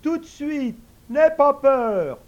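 A man voicing an invisible male servant spirit in a storybook, speaking high and excited with devotion. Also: slow, highs cut off, exaggerated voice. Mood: eager.

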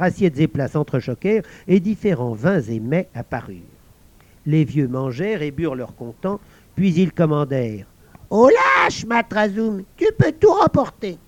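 A man's voice: fairly high pitch, dark tone, no room sound. A man reading a fairy tale aloud, speaking directly to a child listener. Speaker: storyteller. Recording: dull lo-fi dry recording.

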